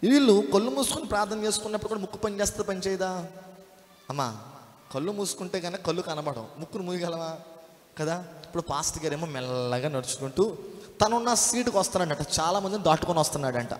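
A man's voice: sits high, expressive, fast talker. A man preaching a sermon, storytelling and firing rhetorical questions at the congregation. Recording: echoey hall.

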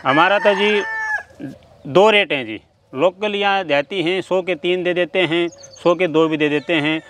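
Man, middle-aged, poultry farmer, earnest step-by-step explanation, high voice. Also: unhurried, fairly bright tone, a little hiss or hum. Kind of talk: outdoor interview. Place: outdoor farm among chickens. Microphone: handheld mic at mid distance. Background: chickens clucking and crowing.

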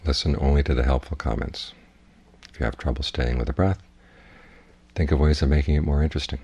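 In a steady, warm bass, a husky-voiced Buddhist teacher talks listeners through a guided meditation, keeping his instructions measured and plain.

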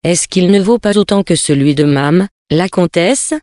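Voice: medium pitch, normal speed, darkish tone, no room sound, clean studio sound, close to an everyday voice. A reader voicing a flustered, pious elderly country priest who stammers in alarm, in a storybook reading.

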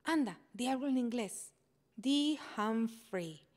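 A woman voicing a kind, eager young schoolgirl who talks in a bright, encouraging way. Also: a little high, animated, slow.

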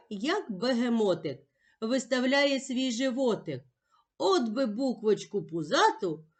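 This primary school teacher has a fairly high female voice and speaks slowly in a sing-song way. Patient and emphatic, she gives clear classroom instruction to young kids, sounding out each sound individually.

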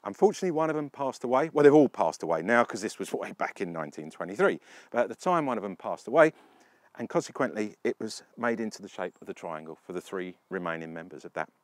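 A man's voice: on the low side, animated, quick pace, no echo. A man presenting a casual car review walkaround outdoors beside a car, chatty and storytelling, often asking the viewer questions.

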